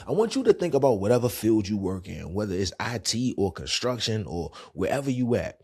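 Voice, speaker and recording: A man's voice: lowish voice, creaky, slightly rough. A man with a Washington DC accent, a podcast host and therapist, talking candidly and casually in a monologue. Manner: candid, conversational, colloquial.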